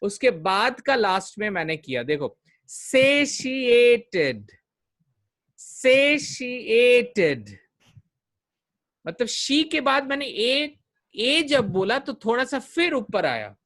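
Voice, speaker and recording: Guy coaching english words, super slow, says each word over and over. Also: very high-pitched, sing-song, bright, forceful tone. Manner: slow, drills pronunciation by repeating words. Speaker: communication coach. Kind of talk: online vocabulary class.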